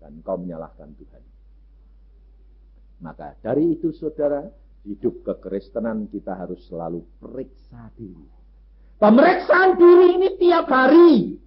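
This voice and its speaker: A man preaching a sermon, telling stories lively and acting out the voices of people in them. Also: on the high side, normal speed, vocal fry, husky. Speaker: pastor. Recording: muffled lo-fi recording.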